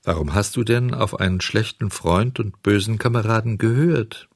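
A man reading a storybook aloud, voicing a kind, solemn little marmot who speaks slowly and soothingly. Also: fairly low pitch, dry recording, clean studio sound. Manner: slow, soothing, lecturing.

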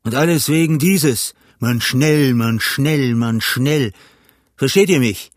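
A man voicing a cunning older pirate cook who talks in a gruff, blustering, lecturing way, in an audiobook reading. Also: medium pitch, slow, no echo, studio quality.

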